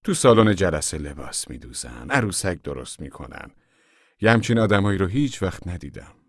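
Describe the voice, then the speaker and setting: A man's voice: low-pitched, very animated, husky, dry recording, clean studio sound, exaggerated voice. A man reading an audiobook, voicing a small, friendly, talkative camp manager. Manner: warm, friendly, chatty. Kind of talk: audiobook character voice.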